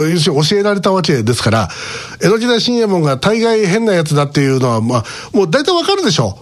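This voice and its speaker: Middle-aged male radio host, lively storyteller, voice that rises and falls a lot. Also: fairly high pitch. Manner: animated, lively storyteller who chuckles between points. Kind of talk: casual storytelling monologue.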